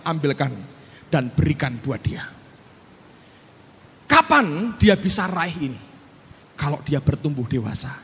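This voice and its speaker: A man preaching a sermon, in an animated preaching style that acts out the voices he quotes. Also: high-pitched, husky, long reverb tail. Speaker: pastor.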